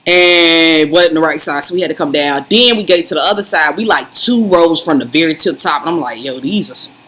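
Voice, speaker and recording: A woman's voice: low voice, brisk, fairly bright tone. A young adult woman co-hosting a casual chat, with teasing, laughing banter. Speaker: co-host.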